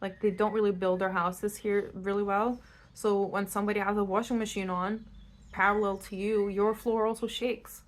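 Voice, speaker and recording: Indoors at her new-build home, the Lithuanian host of a tarot channel delivers an unscripted reading, speaking bluntly and casually straight to her listener. Her voice sits in the mid range, with little variation in pitch, at a moderate speed.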